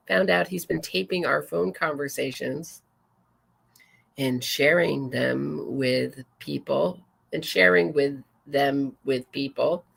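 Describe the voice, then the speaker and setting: Her voice sits on the low side, with vocal fry and a slightly bright quality. As a podcast host on a true crime talk show, she chats casually, reads messages aloud, and keeps drifting into tangents and self-corrections.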